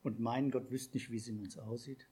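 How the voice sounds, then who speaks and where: Husky man preaching. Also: mid-range voice, steady tone, a little fast, warm tone. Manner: conversational preaching with rhetorical questions to the congregation. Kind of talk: sermon.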